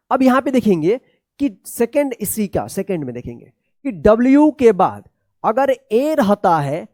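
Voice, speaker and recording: Woman, teacher, English lesson, mellow tone, dry close sound, patient repetition. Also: medium pitch, dry recording. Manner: slow, spells letters out and repeats words with checking questions.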